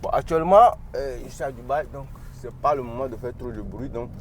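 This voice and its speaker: Behind the wheel, a Cameroonian-accented man jokes and chats through a laid-back car review, pointing out features along the way. His mid-range voice is brisk, with slight background noise.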